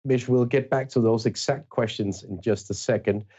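A man's voice: mid-range voice, moderate pace, dark tone, husky, lo-fi sound. A man from Denmark hosting a podcast, who frames his questions at length before asking them. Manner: long, thoughtful framing of questions. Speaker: podcast host. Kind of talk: interview questions.

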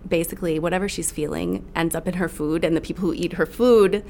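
A woman's voice: lowish voice, fast talker, darkish tone, slight background noise. A middle-aged woman from Illinois, a guest pastry chef in casual podcast chat, talking in a chatty, hesitant way with many fillers. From Illinois, USA.

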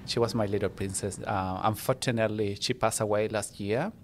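A man from Chile, a native Spanish speaker with a Chilean accent, chatting warmly as a podcast guest and making small grammar slips. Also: lowish voice, fairly even intonation, brisk, a little hiss or hum. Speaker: guest, international student. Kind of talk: casual personal storytelling.

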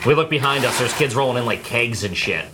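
A man from the Philadelphia area, a guest in a casual chat, telling animated stories. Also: mid-range voice, fast talker, noisy background.

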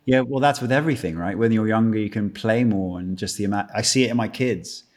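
A British man with a lowish voice chats casually as a podcast guest. He jokes and teases himself, stumbling and restarting sentences as he goes. He sounds like he is in his thirties. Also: quick pace. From Britain. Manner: joking, self-mocking, many restarts. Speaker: guest actor.

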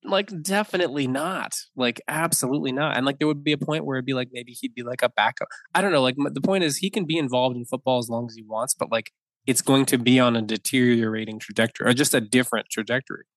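Talking fast in a mid-range voice, a thirty-something wedding photographer guests on a laid-back podcast. He rambles, restarts, fills gaps often, and laughs easily, all on a dry recording.

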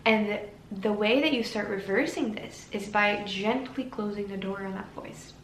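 A woman hosting a solo podcast, talking calmly and gently in an encouraging way. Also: mid-range voice, normal speed. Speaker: podcast host. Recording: echoey room with faint ambient noise.

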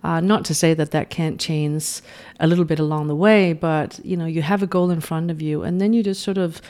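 A woman speaks as an interview guest, her voice low-pitched. She thinks aloud, filling pauses with "you know" and "uh". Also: steady tone, dark tone. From Denmark. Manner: reflective, many fillers like "you know" and "uh". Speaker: guest, beauty brand founder. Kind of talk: conversational interview.

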